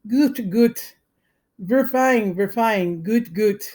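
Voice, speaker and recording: A woman voicing a boy pretending to be crazy, screeching and mocking in a shrill sing-song. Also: extremely slow, warm tone. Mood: manic. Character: manic boy acting crazy, high and shrill.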